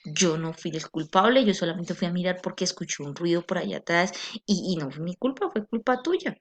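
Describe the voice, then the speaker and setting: A woman's voice: fairly low pitch, lively intonation, a little fast. A defensive boy piling up excuses and pushing the blame onto his friend, as a woman teacher acts him out. It stays close to her everyday speaking voice.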